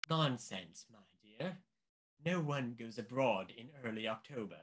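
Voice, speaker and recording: In a radio play, a male actor portrays a pompous, condescending British government official, speaking formally, emphatically and insistently. His mid-range voice is animated though a little slow, and the performance is lightly acted.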